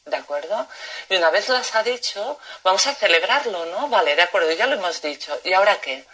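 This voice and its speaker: A woman in her thirties or forties with a Spain Spanish accent, chatting live with viewers and often checking in with a quick question. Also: mid-range voice, animated, bright, forceful tone, slight background noise.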